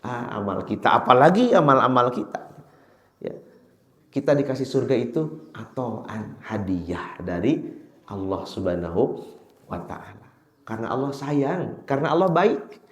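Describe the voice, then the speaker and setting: A man with a Sundanese accent preaching a sermon in a mosque, telling a story with sudden high, loud outbursts and chanting verses slowly. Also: lively intonation. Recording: echoey mosque hall.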